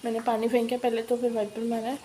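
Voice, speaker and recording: A woman's voice: a little high, flat delivery, quick pace, dark tone. A young woman with a cold and sore throat chatting casually at home in a home vlog, rambling and repeating herself. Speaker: vlogger. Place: at home, indoors and on a terrace in rain. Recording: rain noise in background.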